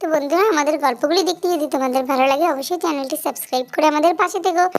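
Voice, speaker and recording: Rapid upbeat woman narrator. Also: high-pitched. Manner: rapid, upbeat, greeting the viewers. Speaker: channel host narrator. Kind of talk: cheerful channel intro.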